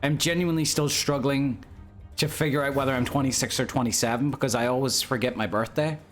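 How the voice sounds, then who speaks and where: He's in his twenties and talking casually to viewers on a live stream, full of rambling, self-mocking jokes and frequent laughter. His mid-range voice stays steady in tone and brisk in pace, with faint music playing behind.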